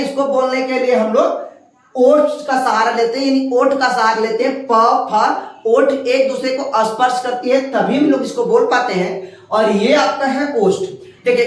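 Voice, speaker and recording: A woman teacher explaining a lesson patiently, step by step, sounding out letters slowly at a writing board. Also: fairly high pitch, distant mic. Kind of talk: classroom lesson. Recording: very echoey room, voice off-mic.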